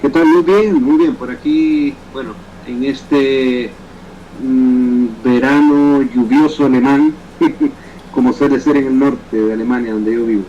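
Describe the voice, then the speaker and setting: Salvadoran guy in his 50s, calm halting talk, warm low tone, muffled call sound. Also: slight background noise. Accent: Salvadoran Spanish. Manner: reflective, halting, frequent restarts. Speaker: guest, photographer and poet. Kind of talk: remote interview conversation.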